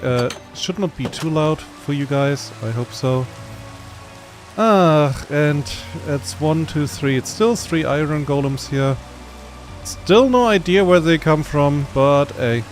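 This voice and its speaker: A man's voice: fairly high pitch, lively intonation, slow, faint music behind. A man from Germany with a German accent, chatting casually and rambling a bit while streaming a game, laid-back and self-deprecating. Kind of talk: casual gaming stream chat.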